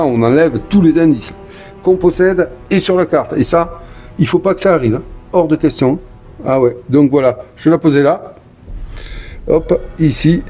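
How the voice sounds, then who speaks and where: A man's voice: fairly high pitch, mellow. A man casually commenting on a solo board game he plays, reading cards aloud and talking to viewers with muttered asides. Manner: chatty, talks to viewers, mutters asides and sighs over bad luck. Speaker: solo board game player and channel host.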